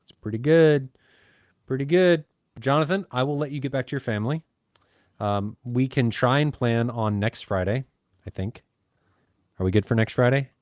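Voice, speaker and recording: A man's voice: mid-range voice, normal speed, pauses often, a little mellow, no echo, studio quality. A man co-hosting a casual podcast, chatty and joking, poking fun at himself. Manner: chatty, joking, self-deprecating. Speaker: podcast co-host. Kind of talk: casual chat.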